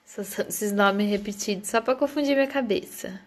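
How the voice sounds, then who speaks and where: A woman hosting a casual live stream, chatting and greeting viewers by name as they join. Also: on the high side. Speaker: live stream host, therapist.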